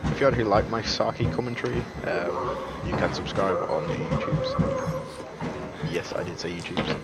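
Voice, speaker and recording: A man's voice: sits low, fairly quick. A man giving casual, joking gameplay commentary as a streamer, chatty and self-deprecating with lots of fillers. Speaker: game streamer.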